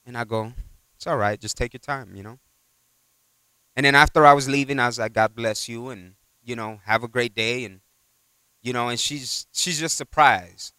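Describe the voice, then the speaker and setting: A man's voice: mid-range voice, normal speed, sharp tone, smooth, no echo. A man preaching a conversational sermon in a church, rambling through retold exchanges and peppering his talk with "you know.".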